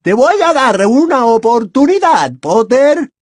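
A man's voice: sing-song, a little slow, no room sound, studio quality, full character voice. Bellatrix, a man putting on a shrieking witch. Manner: shrill, screaming, frantic. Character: fanatical shrieking female witch servant. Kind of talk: audiobook character voice.

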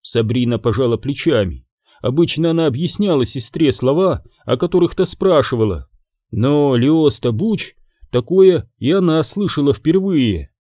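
Expressive male storybook narrator. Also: fairly high pitch, normal speed, no room sound, clean studio sound. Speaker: audiobook reader.

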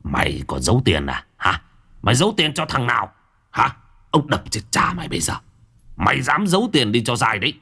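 A man voicing a drunk, violent, greedy middle-aged husband who shouts rapid abuse. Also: fairly low pitch, animated. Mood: drunken rage.

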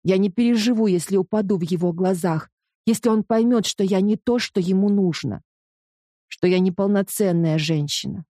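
A woman's voice: fairly low pitch, dark tone, no echo. A woman narrating a first-person romance audiobook in an earnest, emotional way, close to the mic.

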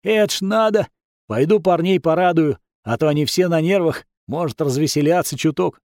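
A man's voice: a little high, moderate pace, a little mellow, no echo, clean studio sound, lightly acted. A man doing a nosy chatty elf. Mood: curious. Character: curious gossipy male elf, cheeky.

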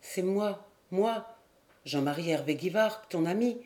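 A puzzled fisherman calls out to an old friend in a soft, hesitant murmur, as a woman reading a story puts him on. The voice is mellow and a little lower than the reader's own. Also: expressive, measured pace. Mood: earnest.

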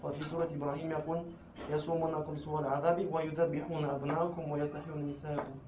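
A man speaking up as a student in class, quickly offering a point and reciting verses from memory. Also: on the high side, little pitch movement. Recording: echoey room with clear background noise.

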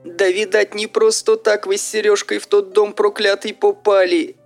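A man's voice: high-pitched, level tone, creaky, faint music behind, voice pushed up. A man doing a fretful old village widow. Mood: lamenting. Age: older. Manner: lamenting, drawn-out sighs, folksy.

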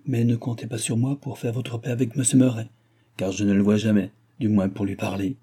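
A man's voice: fairly low pitch, level tone, brisk, warm tone, breathy edge. A man reading an audiobook, voicing a modest, reserved young governess with polite, restrained speech.

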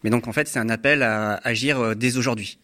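A man's voice: medium pitch, fairly even intonation, brisk, pushed and bright. A man hosting a studio interview, reading introductions with frequent hesitations. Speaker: host.

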